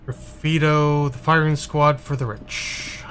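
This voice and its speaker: A man's voice: on the high side, little pitch movement, slow, a bit bright, slight background noise. A male streamer reading a game's dialogue and narration aloud, hesitant and full of "uh"s. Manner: hesitant, with many "uh"s.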